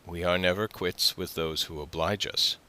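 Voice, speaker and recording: A man's voice: deep voice, steady tone, moderate pace, sharp tone, pitched above the performer's own voice. A man reading as an eager young sailor. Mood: earnest. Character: eager young male sailor returning home.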